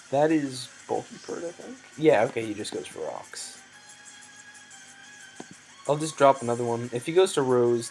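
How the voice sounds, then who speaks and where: A man's voice: mid-range voice, a little mellow, low-quality recording. A man giving hesitant, thinking-aloud commentary over his competitive game, with frequent ums and self-corrections, and his voice sometimes cracks.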